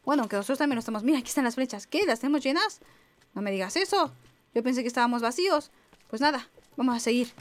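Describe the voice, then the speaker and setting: A young woman giving chatty, excitable let's-play commentary and talking back to game characters. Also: high voice, fast. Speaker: gaming YouTuber. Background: game music.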